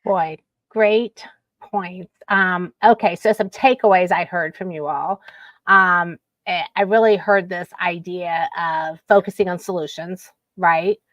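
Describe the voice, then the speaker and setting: A woman's voice: lowish voice, fairly even intonation, slow, a bit bright, dry recording, lo-fi sound. A woman moderating a virtual teacher panel, affirming the speakers and summing up their takeaways. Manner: encouraging, affirming, wraps up with takeaways.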